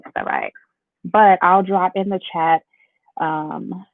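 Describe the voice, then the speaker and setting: Her lowish voice carries a touch of Southern twang as this young Chicago beauty vlogger talks to her chat, lively and playful, during a casual makeup tutorial livestream. The audio is dry and phone-like, with no room sound.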